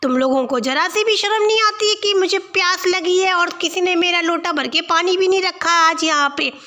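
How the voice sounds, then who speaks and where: A woman's voice: very high voice, moderate pace, sharp tone. A woman voicing a cranky, ailing old mother who nags and scolds her daughters. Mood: scolding. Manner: scolding, nagging.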